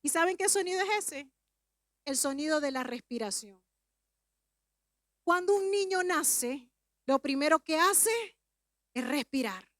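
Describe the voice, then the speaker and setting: A woman preacher giving a Pentecostal sermon, teaching calmly, then rising to shouted fervor. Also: sits high, measured pace, long pauses, no room sound, clean studio sound.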